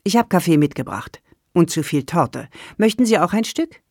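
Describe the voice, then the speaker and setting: A narrator voicing a patient adult daughter gently talking with her mother. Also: mid-range voice, lively intonation, normal speed, dry recording, clean studio sound, pitched above the performer's own voice. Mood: gentle. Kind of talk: audiobook character dialogue.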